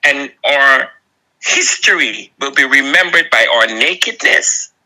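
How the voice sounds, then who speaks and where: A man with a Barbadian accent speaks slowly and deliberately, his voice rough and gravelly. His address is earnest and preaching, full of pleading appeals. The tone is bright and sharp. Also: medium pitch, expressive, low-quality recording. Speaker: video essayist. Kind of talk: impassioned moral address.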